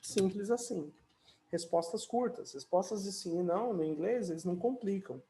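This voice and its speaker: With a high voice and dark tone, a Brazilian man chats his way through an online English conversation class, a little hiss or hum in the background. He uses "né" and "ó" as pause fillers and sings or stretches his English examples.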